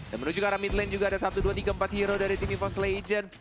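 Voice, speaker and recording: An Indonesian man works as an esports announcer, calling the game in a very high-pitched voice. His delivery is dramatic and excited, in the manner of a fighting game announcer, with English gaming terms dropped in. Music plays prominently behind him. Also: racing. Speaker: esports shoutcaster.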